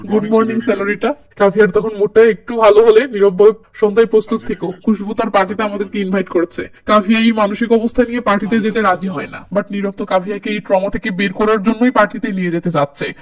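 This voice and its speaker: A man casually recapping a film's plot, with wry, chatty asides. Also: high-pitched. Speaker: film recap narrator. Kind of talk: casual film recap narration. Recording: distant mic with background music.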